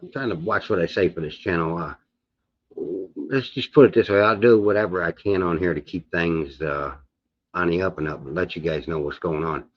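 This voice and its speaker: A man vlogging casually in a halting, folksy way, his words gummy and slightly sputtering as he talks without teeth in. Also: low-pitched. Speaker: video channel host. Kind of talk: casual rambling vlog talk. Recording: dull, muffled lo-fi sound.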